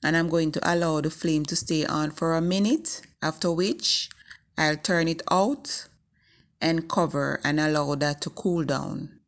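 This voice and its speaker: A woman with a morning voice narrating a recipe step by step in a measured, instructing way as the host of a home cooking video. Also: sits low, fairly even intonation. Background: faint music.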